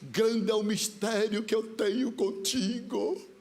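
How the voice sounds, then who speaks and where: Guy putting on a toothless old prophet preacher, high, slow and mysterious, dragging his words. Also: fairly even intonation, darkish tone, faint music behind. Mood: solemn prophetic. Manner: drawn-out, suspenseful prophetic pronouncements.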